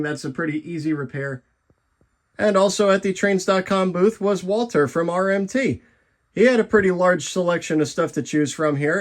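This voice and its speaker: A man talking casually in a vlog, showing off collectible model trains with chatty enthusiasm. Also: high-pitched. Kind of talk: casual show-and-tell vlog.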